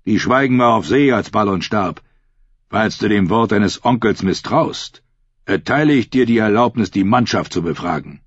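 A man's voice: fairly low pitch, lively intonation, normal speed, slightly rough, no echo. A man reading an audiobook, voicing a smug one-eyed pirate king who taunts in a silky, amused way. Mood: mocking. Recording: dull lo-fi recording.

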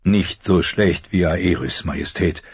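A man voicing a loyal, grieving lord with a hoarse, quiet, earnest voice. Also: low voice, a little slow, no echo, dull audio. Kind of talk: audiobook character voice.

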